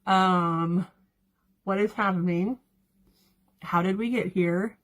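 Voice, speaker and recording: A woman's voice: fairly low pitch, slow pace. A woman, chatting casually and rambling as she does her makeup on a livestream, laughing often and answering viewers. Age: 30s. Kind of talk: casual livestream chat while doing makeup.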